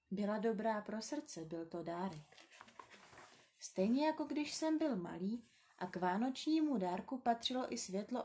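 A woman reading a children's story aloud, gentle, slow and tender. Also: mid-range voice.

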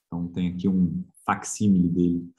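A man with a Brazilian Portuguese accent teaching physics in an informal online class. His voice sits a little low. He keeps things conversational, hesitating often and checking in with tag questions. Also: flat delivery, a little fast, warm tone. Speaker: physics lecturer.

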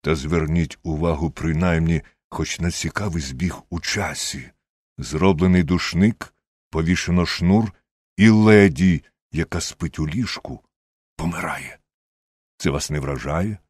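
Sherlock Holmes, as a man reads him: a shrewd, unhurried detective laying out deductions in a deep, husky voice. The audiobook read is close and dry. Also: a little mellow, dry recording. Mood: measured. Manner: measured, lecturing, deductive. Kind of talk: audiobook character reading.

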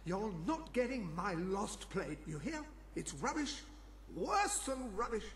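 Grumpy British playwright ghost, very high, swooping voice, exasperated, game character. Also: male voice, very animated, unhurried, a bit bright, roomy sound, slight background noise, full character voice. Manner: grumbling, exasperated.

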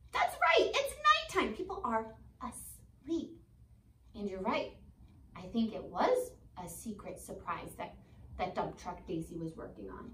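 A fairly high-pitched American schoolteacher in her twenties reads a picture book aloud to elementary children. Animated and deliberate, she adds expressive, chatty asides and questions her young audience. The audio comes from a phone camera set a few feet away in a roomy classroom.

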